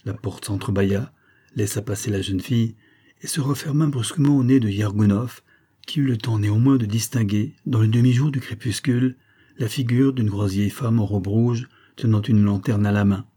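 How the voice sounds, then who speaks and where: A man narrating a classic short story in a measured, even storytelling delivery. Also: fairly low pitch, slightly rough. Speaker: audiobook narrator.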